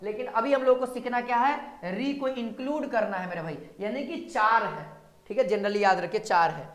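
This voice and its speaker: A woman's voice: fairly high pitch, normal speed. Echoey woman teaching grammar. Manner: repeats points, calls viewers sir and brother. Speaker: exam prep teacher. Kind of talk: online grammar lesson. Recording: echoey room.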